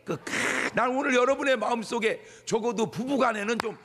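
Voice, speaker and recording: Lively high-pitched preacher in a hall. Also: male voice, fairly quick. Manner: animated, leads the congregation in call-and-response. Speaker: pastor. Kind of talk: sermon. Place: church sanctuary.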